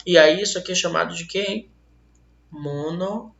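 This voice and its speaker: A man's voice: sits high, steady tone, quick pace, creaky, a bit bright. A male teacher with a Brazilian accent giving an online grammar lesson, who asks questions aloud and answers them himself. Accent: Brazilian Portuguese. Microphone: laptop mic. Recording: roomy, dull lo-fi webcam audio.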